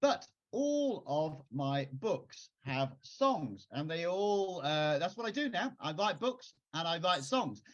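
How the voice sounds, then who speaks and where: High-voiced man at a piano, lo-fi call. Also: big pitch swings, slow pace, few pauses. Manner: chatty, playful, performs own songs. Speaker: children's author. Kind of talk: casual talk with singing and rapping. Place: at a piano, home. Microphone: video call. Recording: dull lo-fi video call with loud piano. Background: piano music.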